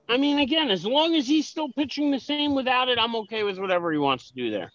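A man's voice: extremely high pitch, lively intonation, fairly quick, a bit bright, no echo, dull audio. A man co-hosting a sports podcast, arguing his points in casual chat and often restarting his sentences. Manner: argumentative, explains with many restarts. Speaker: podcast co-host.

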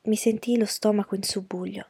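A woman narrating an audiobook in a steady, even storytelling voice. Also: mid-range voice, a little fast, gravelly, slightly rough, no echo, clean studio sound. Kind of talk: audiobook reading.

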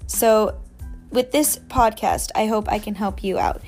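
A woman's voice: medium pitch, unhurried, darkish tone, faint music behind. A young woman from New England hosting a casual solo podcast, chatty and full of jokey asides. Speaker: podcast host.

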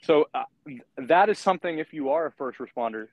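A man's voice: fairly high pitch, expressive, a little fast, dry recording, rough recording. A man hosting a casual interview, talking in long, rambling turns and checking in with the guest as he goes. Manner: rambling, keeps checking in with "right?". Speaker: podcast host.

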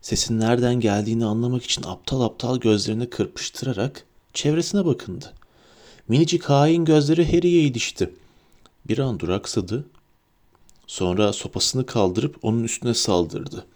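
A man narrating a storybook in a lively, dramatic reading. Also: mid-range voice, normal speed. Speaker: audiobook narrator.

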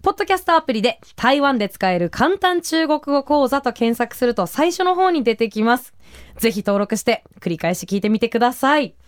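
A woman's voice: a little high, big pitch swings, a little fast, no echo, studio quality. A woman assisting on a casual radio lesson, an eager learner who repeats phrases and often acknowledges with short replies.

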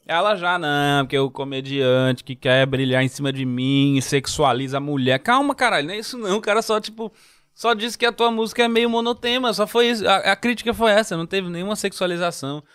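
Man from Brazil, casual podcast chat, slangy and animated, slightly high voice. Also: a little fast, clear, resonant tone. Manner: slangy, animated, trails off and restarts. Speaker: podcast host.

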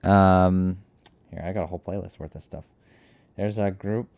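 Deep-voiced joking podcast guy. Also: steady tone, moderate pace, vocal fry, darkish tone. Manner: rambling, joking, lots of fillers. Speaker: podcast co-host. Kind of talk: casual comedic chat.

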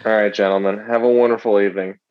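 A man's voice: fairly low pitch, steady tone, fast talker, clear, resonant tone, muffled recording. A man hosting a casual sports podcast, teasing his co-hosts in a dry way. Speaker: podcast host.

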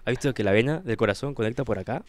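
A man's voice: mid-range voice, very fast, no echo. A young man with a Peruvian accent co-hosting a podcast, reading out donations with mock hype. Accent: Peruvian Spanish. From Peru. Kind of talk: casual chat.

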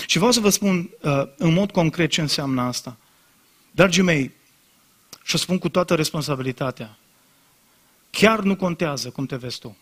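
A male pastor delivers a sermon with rising passion, his voice high-pitched and bright. He speaks directly to the people in front of him, pressing each point with loud emphasis. The delivery is urgent and heartfelt. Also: expressive, pauses often, husky. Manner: impassioned, builds to loud emphatic preaching; addresses congregation directly and repeatedly.

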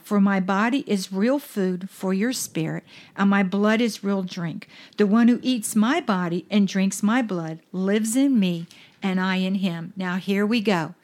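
A woman's voice: medium pitch, a little mellow. Woman minister reading scripture earnestly. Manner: earnest, slows down to stress verses.

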